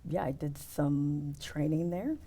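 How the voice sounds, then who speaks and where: Woman, low voice, gravelly, dark tone, interview guest, explains step by step. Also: slow pace. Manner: explains step by step, hesitant fillers. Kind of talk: casual interview talk.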